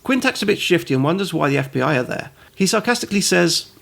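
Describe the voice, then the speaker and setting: Sarcastic gravelly man reviewing a game. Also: high-pitched, animated, fast, a bit bright. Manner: sarcastic, goes off on tangents. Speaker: host and reviewer. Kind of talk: comedic game review narration.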